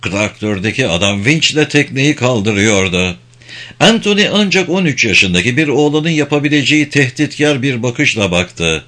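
A man's voice: medium pitch, animated, normal speed, sharp tone. A man reading a novel aloud as narrator, voicing all the dialogue himself. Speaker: audiobook narrator. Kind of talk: scripted narration.

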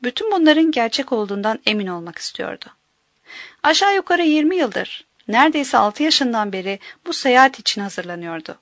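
A woman narrating an audiobook in a measured, careful way, minding each pronunciation. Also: on the high side, big pitch swings, a bit bright, no room sound.

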